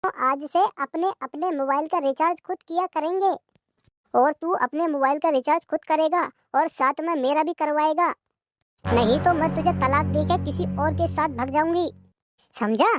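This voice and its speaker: A woman voicing a nagging, sharp-tongued young wife in a cartoon comedy, scolding and complaining loudly. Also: sits high, normal speed, over music, close to an everyday voice.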